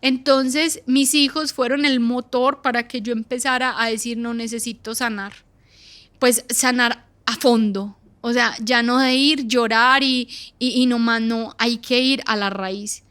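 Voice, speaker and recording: A woman's voice: fairly high pitch, steady tone, a little slow, hardly any pauses, a bit bright, clean tone. A middle-aged woman, giving an earnest personal faith testimony and acting out her own past words.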